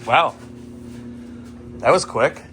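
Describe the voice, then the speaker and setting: A man's voice: medium pitch, drawn-out words, sharp tone, a little hiss or hum. A middle-aged man hosting a casual home-renovation vlog, upbeat and chatty, talking to viewers at home and outdoors by a lake in winter. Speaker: vlogger.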